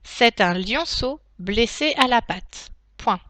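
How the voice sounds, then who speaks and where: A woman teacher dictating a text to pupils, phrase by phrase, in a deliberate, carefully articulated way with pauses. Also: a little high, lively intonation, fairly bright tone, a little hiss or hum. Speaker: primary school teacher.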